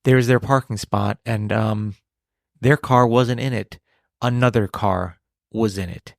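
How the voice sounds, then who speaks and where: A man's voice: lowish voice, measured pace, creaky, no room sound, clean studio sound. Playful man telling stories on a podcast. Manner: playful, animated storytelling with laughs. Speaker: podcast host. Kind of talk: casual comedic chat.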